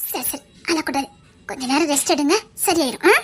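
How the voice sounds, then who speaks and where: A woman doing a shrill, devoted young woman. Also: brisk, close to an everyday voice. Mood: soothing. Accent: Tirunelveli Tamil. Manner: coaxing, soothing, insistent. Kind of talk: amateur dramatic dialogue.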